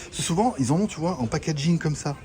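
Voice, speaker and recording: Talking fast in a mellow voice on the high side, a man keeps his delivery expressive as he wanders an indoor electronics market for a casual vlog. He rambles, laughs frequently and swears, and the market ambience is noisy.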